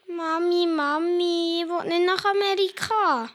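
A woman's voice: very high voice, fairly even intonation, unhurried, fairly bright tone, voice pushed up. A woman putting on the voice of a whiny little boy nagging his mother in a joke. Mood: whining.

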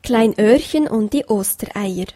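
A woman reading a children's story aloud with slow, gentle storytelling. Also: mid-range voice, lively intonation, soft background music. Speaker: reader.

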